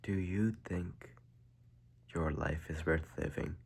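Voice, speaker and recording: A teenage boy speaks into the camera with a blocked nose from a cold. His voice sits very low and gravelly, with a husky edge. He talks haltingly and softly, often slipping into a near whisper. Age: teens. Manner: halting, soft-spoken, drifts into a whisper. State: congested from a cold. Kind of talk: casual video monologue.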